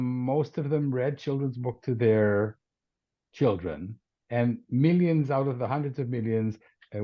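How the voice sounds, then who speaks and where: Older male host, stop-start delivery with many uhs, teasing interjections, slightly dull lo-fi sound. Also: medium pitch. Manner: halting, interrupting, playful. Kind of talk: casual interview conversation.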